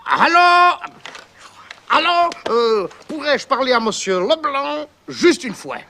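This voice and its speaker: A man's voice: extremely high pitch, sing-song, very slow, vocal fry, sharp tone, full character voice. An actor playing a man who pretends to be a fussy Belgian film producer, speaking with overly polite, formal phone manners. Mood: fawning. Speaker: film character.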